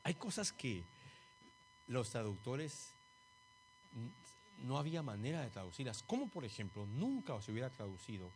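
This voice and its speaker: A man preaching a sermon, animated, calling the congregation "brother" and joking about himself. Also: medium pitch, normal speed, a little hiss or hum.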